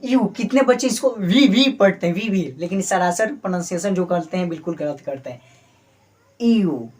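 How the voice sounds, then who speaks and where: A male English teacher giving a Hindi-language lesson, drilling letters by repeating them and prompting the class with rhetorical questions. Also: high voice.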